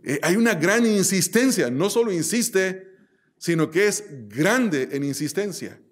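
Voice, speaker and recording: A man's voice: sits high, lively intonation, unhurried. A male pastor preaching a sermon with emphatic repetition and rhetorical questions to the congregation.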